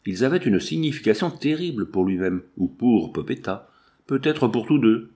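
A man reading a novel aloud as an audiobook narrator, in steady, measured storytelling. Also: mid-range voice. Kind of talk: scripted narration.

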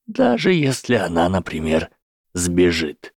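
A man voicing a cold, menacing dark lord who speaks slowly in a low, deliberate voice, cruelly amused. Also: wildly swooping pitch, creaky, husky, no echo, studio quality, heavily acted.

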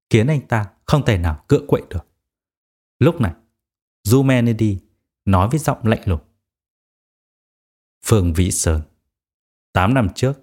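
A man narrating an audiobook in a steady, dramatic storytelling manner. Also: mid-range voice, breathy edge.

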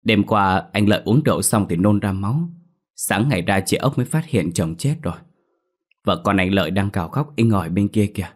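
A flustered, defensive village neighbour from a spoken ghost story, voiced by a man. He rushes his explanation in a deep, husky voice. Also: expressive.

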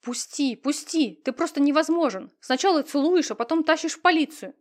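A woman voicing a frantic, emotional young heiress in an audiobook, talking loud and high-strung. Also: fairly quick, close to an everyday voice.

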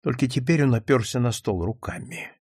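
A man's voice: medium pitch, lively intonation, a little fast, a little mellow, slightly rough, dry recording, clean studio sound. A man narrating an audiobook in a dramatic reading style. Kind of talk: scripted narration.

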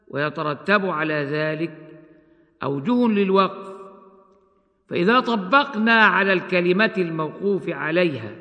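A man teaching the rules of Quran recitation, explaining each rule and then slowly chanting the examples. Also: high-pitched, sharp tone, long reverb tail. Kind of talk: tajweed lesson with chanted examples.

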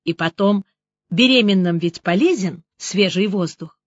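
A woman narrating a novel as an audiobook, voicing the dialogue with brisk, lively delivery. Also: mid-range voice, dry recording, dull audio. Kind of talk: audiobook reading with character voices.

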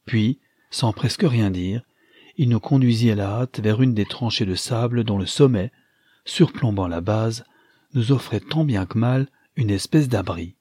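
Casting: low-voiced male audiobook reader, husky, measured storytelling. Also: warm tone, no echo, studio quality. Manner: measured, literary reading. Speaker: audiobook narrator. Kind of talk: scripted narration.

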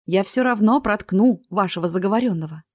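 A woman voicing a bold, quick-tempered young sorceress in an audiobook. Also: medium pitch, dark tone, no room sound, natural voice. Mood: spirited. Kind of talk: audiobook character reading.

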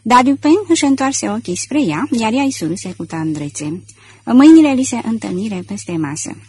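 O femeie care citește o carte audio cu un ritm așezat și măsurat. Vocea ei are un timbru ușor voalat, aproape șoptit pe alocuri. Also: female voice, on the high side, slightly rough. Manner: steady, measured storytelling. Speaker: audiobook narrator. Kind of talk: scripted narration.

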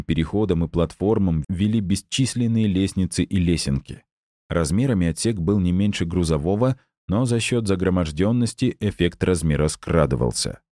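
A man narrating a first-person science fiction story as an audiobook reader, in a steady storytelling manner. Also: deep voice, no echo, studio quality.

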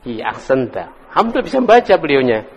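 A man's voice: mid-range voice, sing-song, fast, a little mellow. A man teaching an Arabic class, calling on students by name and drilling words in a casual manner. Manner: drills students, calls on them by name, chuckles. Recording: echoey hall.

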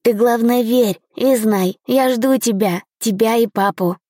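For an audiobook, a woman voices a playful, loving four-year-old prince, raising her voice into an excited, eager, pleading childlike tone. Her voice is fairly high and warm, unhurried, and recorded cleanly in a studio with no echo.

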